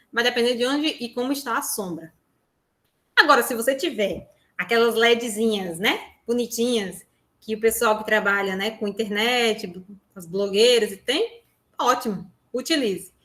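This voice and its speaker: Bright-voiced Brazilian woman teaching a workshop. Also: on the high side. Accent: Brazilian Portuguese. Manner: chatty, explanatory, with frequent tag questions. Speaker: workshop presenter. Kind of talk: online workshop lesson. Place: room at home. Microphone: lapel mic on a phone.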